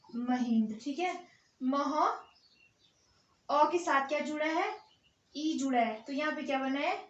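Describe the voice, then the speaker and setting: A woman's voice: high voice, a little slow. A woman teaching a Hindi grammar lesson with an Uttarakhand Hindi accent, asking questions and answering them herself, often checking "theek hai". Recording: echoey room, dull lo-fi sound.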